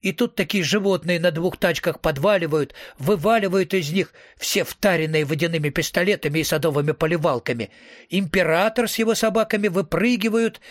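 A man's voice: sits high, dry recording, studio quality. A man reading a story aloud in first person, in a slangy, wisecracking, profane voice. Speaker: audiobook reader.

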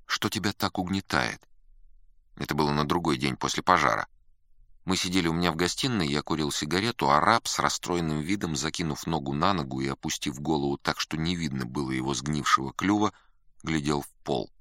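A man reading a story aloud, calm and measured. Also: extremely low pitch, no room sound, studio quality. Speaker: narrator. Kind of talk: audiobook narration.

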